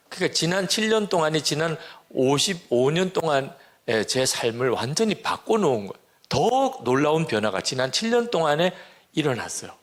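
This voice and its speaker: A man in his sixties, a pastor, giving an earnest sermon testimony and acting out the prayers and talk he quotes. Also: mid-range voice. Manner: earnest storytelling, acts out quoted prayers and dialogue.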